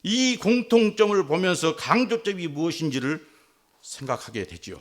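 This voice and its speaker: A male pastor preaching a sermon in an animated way. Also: sits high, normal speed. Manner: animated, acts out quotes.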